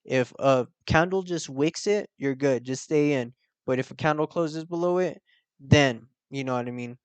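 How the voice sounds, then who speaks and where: A man's voice: medium pitch, moderate pace, smooth, no echo. A young man hosting a casual trading tutorial, explaining step by step with slangy asides and check-ins. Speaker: forex trading channel host.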